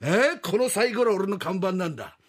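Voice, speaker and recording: A man performing classical rakugo, voicing a shrewd, commanding older gambling boss in rough street talk. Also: high voice, expressive, normal speed. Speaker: rakugo storyteller.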